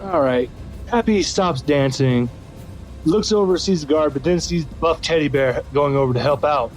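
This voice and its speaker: A man's voice: a little high, normal speed, soft background music. A man playing a tabletop game who narrates his character's actions playfully. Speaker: player. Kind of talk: casual tabletop play.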